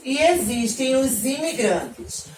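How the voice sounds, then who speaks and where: A woman from Northeast Brazil gives an online geography lesson to young pupils, warm in manner and often pausing to check they follow. Her voice sits fairly high and reaches the mic from a little distance, with echo in the room and faint background noise. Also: animated. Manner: affectionate, frequent checking questions to pupils. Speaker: teacher. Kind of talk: online class lesson for children.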